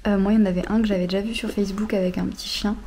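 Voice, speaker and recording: A young woman in her twenties chatting casually about books in a vlog, with many fillers and soft, half-whispered asides. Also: mid-range voice, steady tone, very fast, a little hiss or hum. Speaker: vlogger. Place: outdoors near road traffic.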